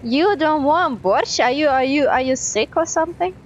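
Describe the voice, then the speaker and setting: A woman's voice: sits high, animated, moderate pace, muffled recording, a little hiss or hum. A woman streaming a game, chatting casually with a playful, giggly, teasing manner. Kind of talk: casual gameplay chat.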